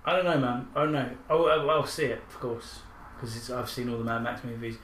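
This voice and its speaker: A man's voice: medium pitch, a little fast, a bit bright. A man hosting a podcast, chatting loosely about films and swearing freely. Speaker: podcast host. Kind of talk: casual chat about films. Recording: roomy echo, faint background hiss.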